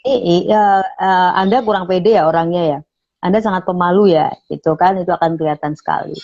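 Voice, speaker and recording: Low-voiced woman teaching public speaking. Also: fairly quick, vocal fry, a little mellow. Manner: explains with frequent "nah", acts out sample phrases. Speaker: radio station manager and public speaking trainer. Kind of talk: online interview, explaining. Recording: muffled online call audio.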